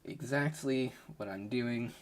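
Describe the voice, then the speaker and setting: Live-streaming a game, a man with a slightly hoarse mid-range voice chats casually and slowly with viewers, thinking aloud with lots of fillers.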